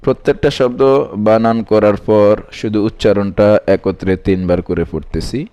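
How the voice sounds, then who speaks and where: A man teaching Quran reading, who sounds out each syllable slowly and repeats whole words several times, with quicker spoken instructions in between. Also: steady tone, warm tone, lo-fi sound. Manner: brisk, lower-voiced asides explaining between drills. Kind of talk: slow syllable-by-syllable recitation lesson.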